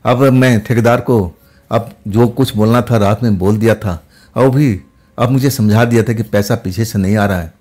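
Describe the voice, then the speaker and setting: A man telling a first-person horror story in a steady, conversational way. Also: lowish voice, normal speed.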